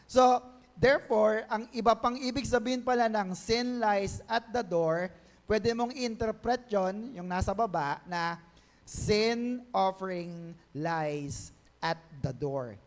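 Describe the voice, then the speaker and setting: A male pastor with a Filipino accent, preaching a Bible-teaching sermon and mixing Tagalog with English. He often asks the church for an amen and draws key phrases out slowly. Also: high voice. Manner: mixes Tagalog and English, calls for amens, stretches key words slowly.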